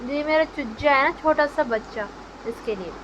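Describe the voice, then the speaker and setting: Woman, twenties, Hindi accent, casual joking vlog chat, high voice, faint room noise. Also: normal speed. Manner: joking, chatty, addresses friends. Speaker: vlogger.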